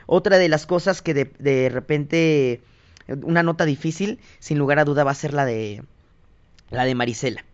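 A man's voice: on the high side, moderate pace, clear, resonant tone. A young man with a Mexican Spanish accent, telling stories as a podcast guest and acting out other people's lines. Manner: animated, quotes others in lively asides. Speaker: guest, singer and TV reporter. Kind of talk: casual interview storytelling. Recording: dull lo-fi podcast audio.

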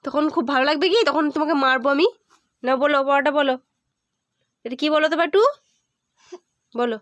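A woman's voice: high-pitched, fairly even intonation, normal speed, no echo. Woman, mother, home tutoring a child, coaxing, exasperated sighs, dry close sound. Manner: coaxing then exasperated, sighing and scolding. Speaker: mother tutoring her young son.

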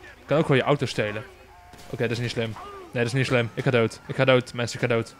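A young man with a Dutch accent giving casual gameplay commentary, excitable and swearing often, bursting into shrieks. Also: mid-range voice, quick pace. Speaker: gaming YouTuber.

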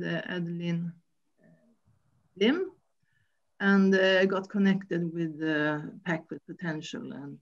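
Female panelist, native Swedish, unhurried delivery, dull video-call sound. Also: mid-range voice. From Sweden. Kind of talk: casual self-introduction.

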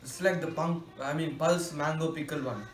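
A man's voice: a little high, steady tone, moderate pace, faint music behind. A teenage male chatting casually to camera as he hosts a food challenge. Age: teens. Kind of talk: casual chat to camera while tasting. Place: small bare room indoors. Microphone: camera a short distance away. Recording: echoey room, faint hiss, distant camera mic.

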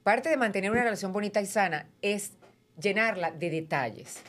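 A woman with a Venezuelan accent co-hosting a couples advice chat, giving advice and gently scolding her partner. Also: mid-range voice, animated, brisk. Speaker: co-host.

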